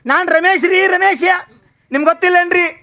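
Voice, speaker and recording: A man's voice: very high voice, steady tone, measured pace, sharp tone, voice pushed up, exaggerated voice. A man voicing a grown former pupil who tearfully and respectfully pleads before his old teacher.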